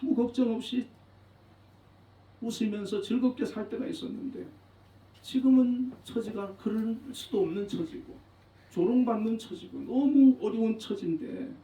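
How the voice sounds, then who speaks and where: A man's voice: sits high, dark tone. A man pastor delivering an earnest, emphatic sermon, repeating phrases for weight. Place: church sanctuary. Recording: roomy, distant, dull church recording.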